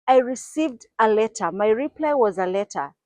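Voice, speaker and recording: This Kenyan woman in her forties sounds animated as she earnestly relates her life story to camera for her channel, pausing to reflect and sometimes restarting. Her voice is on the high side and darkish, at normal speed. The recording is dry and of studio quality.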